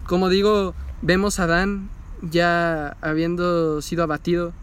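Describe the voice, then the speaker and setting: A man, chatting casually about an anime in an animated, excitable way, swearing freely. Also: sits high, a little slow, smooth. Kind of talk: casual chat recapping an anime.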